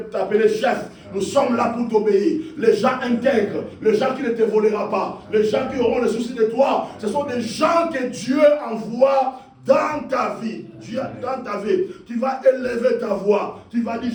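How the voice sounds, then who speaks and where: A male pastor preaching a fervent, repetitive sermon that rises into shouts. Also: extremely high pitch, moderate pace, few pauses. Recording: echoey hall, distant mic.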